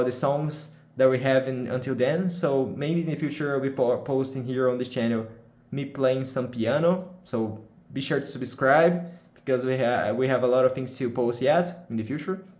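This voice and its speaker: A young Brazilian man, a vlogger whose first language is Portuguese, chats casually and unscripted in English with a Brazilian accent, often restarting and searching for words. His voice is mid-range with a darkish tone, and the sound is reverberant.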